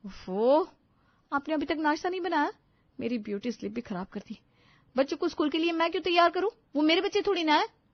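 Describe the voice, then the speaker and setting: A woman's voice: sits high, lively intonation, brisk, no echo, pitched above the performer's own voice. Woman playing a bratty spoiled young bride. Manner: bratty, dismissive whining. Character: lazy spoiled young bride, rude and dismissive. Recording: dull lo-fi dry recording.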